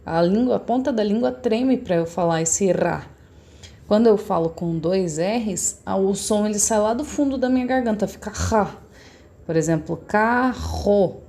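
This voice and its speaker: A woman's voice: mid-range voice, moderate pace, creaky, dark tone. A woman teacher from Brazil, patiently explaining a remote lesson step by step to young pupils. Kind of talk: recorded remote class lesson.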